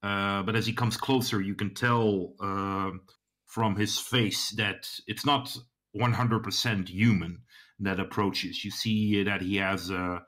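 A man narrating a tabletop game as game master, halting and restarting often as he describes the scene. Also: fairly low pitch, fairly even intonation, a bit bright. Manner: halting, many fillers and restarts.

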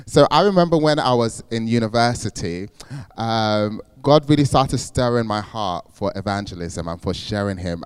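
A man's voice: fairly low pitch, clear, resonant tone, no room sound. A young man giving a talk on evangelism, telling a testimony story in a chatty way with many fillers. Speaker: speaker.

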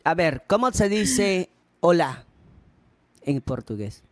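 A man's voice: sits high, very animated, slow. A man co-hosting a show, teasing his co-host in playful, joking banter. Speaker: radio co-host.

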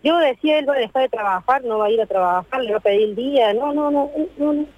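A woman in her thirties with an Argentine accent, telling her story on a radio show in a distraught way and repeating herself. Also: high-pitched. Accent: Argentine Spanish. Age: 30s. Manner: distraught, repeats herself, talks in long rushed runs. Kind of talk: emotional phone interview. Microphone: phone. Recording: dry tinny phone line.

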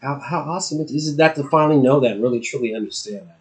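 A man's voice: mid-range voice, racing. A man co-hosting a casual spiritual podcast chat, laid-back and profane, often laughing. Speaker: podcast co-host.

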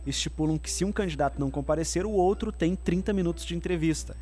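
A man's voice: a little high, quick pace, warm tone. A man with a southern Brazilian accent chatting casually as a radio co-host. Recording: music bed behind the voice.

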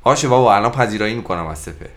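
A man's voice: on the low side, animated, fairly bright tone. An actor playing an eager, friendly young man who talks in a rush. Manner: hurried, friendly.

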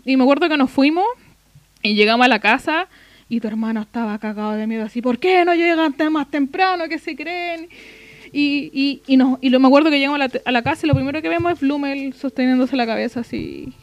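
A young woman with a Chilean accent, co-hosting a casual podcast and retelling events in an animated, slang-heavy way. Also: sits high, fast talker, no echo, muffled recording. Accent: Chilean Spanish. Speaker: podcast co-host. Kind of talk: casual chat.

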